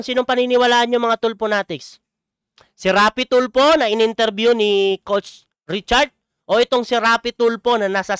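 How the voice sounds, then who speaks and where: Male vlogger reacting to clips, smooth clean voice, dry close sound, exclaims a lot. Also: high voice, a bit bright, no room sound. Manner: exclaiming, chuckling, repeats clip lines back. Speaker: YouTuber host. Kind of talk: reaction commentary on a video clip.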